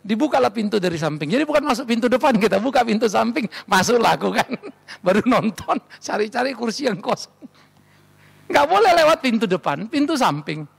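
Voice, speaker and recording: A man's voice: sits high, brisk, vocal fry, breathy edge. A middle-aged male pastor preaching a sermon, telling stories and acting out quoted voices. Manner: storytelling, animated, acts out quoted voices. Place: large church hall.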